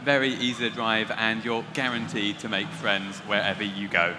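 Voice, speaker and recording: A man presenting auction lots as a specialist, with a semi-formal sales pitch and a halting delivery. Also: little pitch movement, pushed and bright. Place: large auction hall. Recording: echoey hall, clear background noise.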